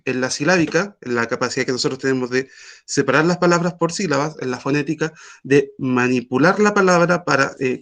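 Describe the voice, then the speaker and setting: A man teaching an online language class, explaining patiently with frequent pauses and fillers. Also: on the high side, fairly bright tone.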